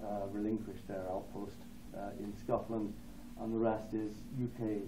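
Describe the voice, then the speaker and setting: Irish male poet, lowish voice, hesitant asides, slow verse; distant mic, roomy hall, audible noise. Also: flat delivery. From Ireland. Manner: hesitant, many ums between phrases, slow deliberate verse. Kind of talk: poetry reading with spoken introductions. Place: lecture hall with an audience.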